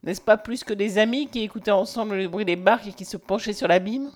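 A woman's voice: mid-range voice, fairly quick, lightly acted. A woman playing a passionate, domineering man in a storybook reading, close to the reader's own voice. He speaks with urgent, commanding ardour, pressing every question. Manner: impassioned, commanding. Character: ardent, domineering man declaring his love.

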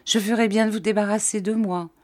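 A woman's voice: medium pitch, fairly even intonation, a little fast, darkish tone, pitched above the performer's own voice, natural voice. A woman voicing a gloomy, self-pitying old widow who whines about her misfortune. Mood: lamenting. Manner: whining, mournful complaint.

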